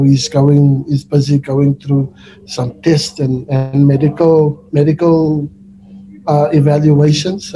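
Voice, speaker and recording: A South African football coach in his forties answers reporters over a video call, with a fairly high but dark, mellow voice. He talks in a loose, rambling way, full of fillers and restarts, and a faint hiss sits under him. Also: poor audio. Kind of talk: post-match press conference answers. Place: indoors before a sponsor backdrop. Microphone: webcam on a video call.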